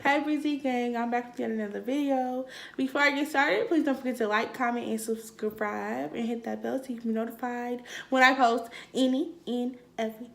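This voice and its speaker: A woman's voice: a little high, steady tone, fairly quick, creaky, hardly any pauses. A woman hosting a casual vlog, chatting in a playful, teasing, slangy way. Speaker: vlog host. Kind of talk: casual chat.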